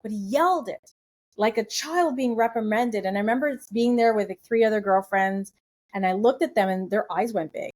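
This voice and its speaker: A woman's voice: mid-range voice, normal speed, a little mellow. A woman guest on a podcast interview, earnestly telling a personal story and piling up phrases in emphatic lists. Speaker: guest nutritionist.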